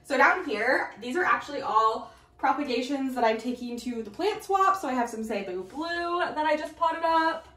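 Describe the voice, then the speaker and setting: A woman's voice: high-pitched, animated, normal speed, fairly bright tone. A young adult woman chatting casually to camera as a vlog host, recorded in an echoing bathroom. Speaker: vlogger, channel host. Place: small tiled bathroom, indoors. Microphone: camera a few feet away. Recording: echoey bathroom, distant mic.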